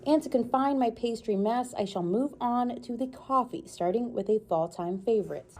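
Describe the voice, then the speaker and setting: A woman's voice: a little high, normal speed, darkish tone, a little hiss or hum. A woman reporter reading a scripted news feature voice-over in an upbeat, playful way.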